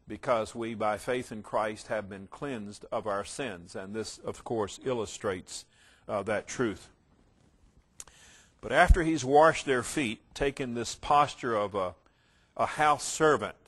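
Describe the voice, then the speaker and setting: A man teaching through a Bible passage verse by verse. He reads the text aloud with rising emphasis, then drops into quieter asides to explain it, sometimes stumbling and restarting a phrase. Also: mid-range voice.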